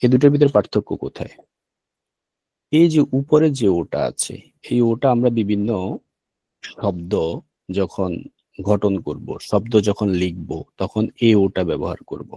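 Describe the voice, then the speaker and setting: A man with a Bangladeshi Bengali accent teaching an online language lesson, slow and patient, repeating each sound. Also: lowish voice, creaky, warm tone, breathy edge, dry recording.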